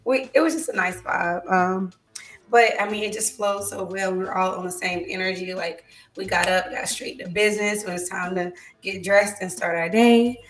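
A woman with a hoarse, worn-out voice, chatting casually and excitably in slang as host of a talk show. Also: mid-range voice, moderate pace, echoey room. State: hoarse, voice nearly gone. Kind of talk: casual co-hosted chat show.

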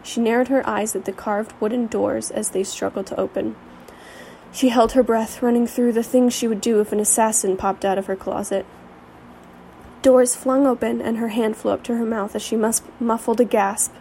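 Woman narrator, low mellow tone with fry, reads storybook prose with the odd stumble. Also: fairly even intonation, normal speed, a little hiss or hum, rough recording. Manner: reads aloud with occasional slips and restarts. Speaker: reader.

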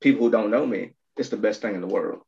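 A man's voice: on the low side, quick pace, vocal fry, a little mellow. A podcast host talking earnestly and gratefully with his guest in a casual chat. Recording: dull lo-fi audio.

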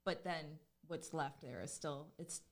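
A woman's voice: deep voice, measured pace. A woman guest who works as a therapist, speaking casually and emphatically with frequent laughter. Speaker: guest, clinical social worker. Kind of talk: casual podcast conversation.

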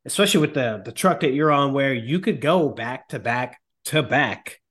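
A man in his thirties hosting a casual interview chat, agreeable and quick to back up his guest with short affirmations. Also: medium pitch, lively intonation, fairly bright tone. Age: 30s. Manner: agreeable, backchannels often. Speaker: podcast host.

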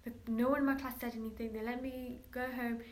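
A woman's voice: fairly high pitch, level tone, quick pace. A woman chatting casually as a guest, using many filler words. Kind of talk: casual chat.

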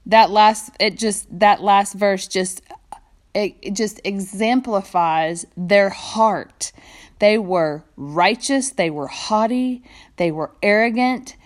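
A woman's voice: medium pitch, slow. A woman informally explaining a Bible passage, talking conversationally and paraphrasing the verses, recorded on a phone. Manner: conversational, paraphrasing, animated when quoting. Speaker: Bible teacher.

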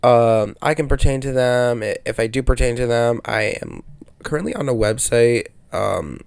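A man's voice: mid-range voice, moderate pace, vocal fry, smooth, dry recording. A man with allergy congestion, hosting a casual solo podcast in a rambling, slangy, self-interrupting way. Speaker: podcast host.

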